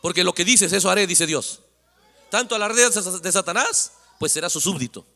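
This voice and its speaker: An emphatic male preacher delivers a sermon, often stopping to ask whether his listeners understand and rising to shouts on key points. His voice is high and sharply bright. It rings through a church with a long reverb. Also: fairly quick, vocal fry. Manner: emphatic, keeps asking "understand?". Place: church sanctuary.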